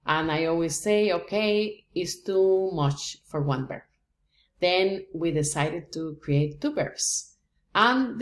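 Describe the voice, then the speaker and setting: A low-pitched woman, speaking slowly and deliberately. She teaches patiently, building up each point with simple examples. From Costa Rica. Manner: patient, explains step by step with examples. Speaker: Spanish teacher. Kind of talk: slow, deliberate language lesson.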